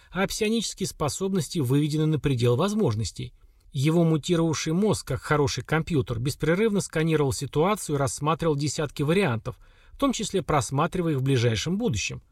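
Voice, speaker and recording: A man narrating a science-fiction audiobook in a steady storytelling voice. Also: a little high, a little fast, slightly rough, no echo, studio quality.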